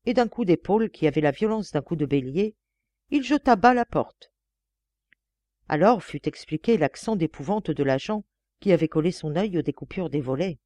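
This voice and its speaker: A woman narrates a classic novel as an audiobook, reading in a measured, expressive way. Her voice is fairly low in pitch, and the recording is dry.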